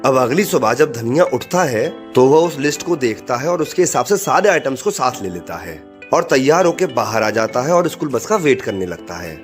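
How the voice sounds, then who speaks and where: A man narrating short comic stories in a lively, conversational way. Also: mid-range voice, normal speed, soft background music. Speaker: joke narrator. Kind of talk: comic storytelling.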